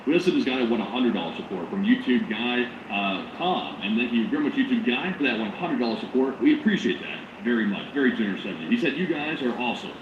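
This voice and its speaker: A man's voice: mid-range voice, lively intonation, fast talker, few pauses. A man with a big radio-announcer, sportscaster-like voice, hosting a live news stream and talking nonstop as he thanks supporters. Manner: talks nonstop, avoiding dead air. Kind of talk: livestream reading and thanking supporter messages. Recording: roomy, dull lo-fi, clear background noise.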